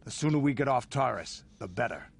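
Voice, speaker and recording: An actor playing a gruff, hardened male mercenary with a gravelly voice. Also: mid-range voice, lively intonation, a little fast, faint music behind.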